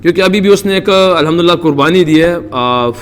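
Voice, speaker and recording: Earnest Pakistani cricketer, high voice. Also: male voice, clear, resonant tone, big-room sound. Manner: earnest, devout, many religious phrases. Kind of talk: press conference answers.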